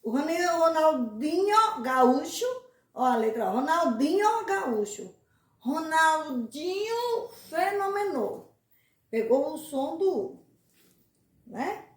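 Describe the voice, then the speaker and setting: A woman's voice: high-pitched, sing-song, slow pace, distant mic. A woman in a casual monologue, rambling and repeating words as she explains letter sounds in names, laughing at herself now and then. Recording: echoey room, faint background noise.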